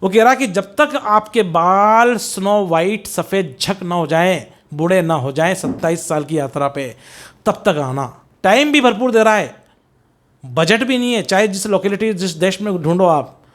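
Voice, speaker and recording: A middle-aged man teaching an English poem to exam students, explaining in Hindi mixed with English, reading verse lines slowly and drawn out, and asking and answering his own questions. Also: high voice, lively intonation. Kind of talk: exam-prep lecture.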